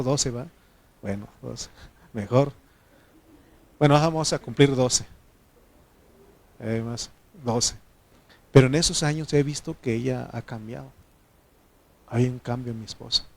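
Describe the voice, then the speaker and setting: A man in his thirties with a Mexican accent, preaching a conversational sermon and often adding "amén". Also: medium pitch. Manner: conversational, repeats phrases, frequent "amén".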